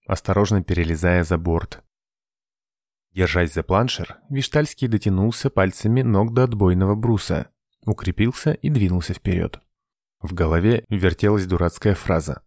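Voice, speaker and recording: A male narrator with a low, deep voice reads a science fiction adventure in a measured, dramatic style. The recording is dry and close to the mic. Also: a little mellow, no room sound. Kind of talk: audiobook narration.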